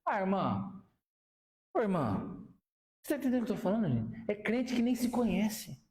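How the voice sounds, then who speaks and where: A man preaching a sermon, animated, often asking the congregation questions. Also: high-pitched, normal speed, roomy sound.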